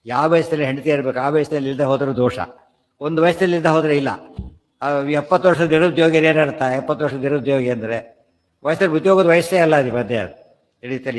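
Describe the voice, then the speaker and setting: A man giving a scripture lecture, explaining Sanskrit verses in a conversational way, often checking whether listeners understood. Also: a little high. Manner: chants verses slowly. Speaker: scripture teacher. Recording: long hall reverb.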